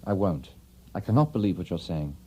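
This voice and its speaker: An actor playing an earnest, sceptical doctor and loyal colleague, speaking formally in an audio drama. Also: male voice, low voice, very animated, fairly quick, mellow, slight background noise. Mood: incredulous.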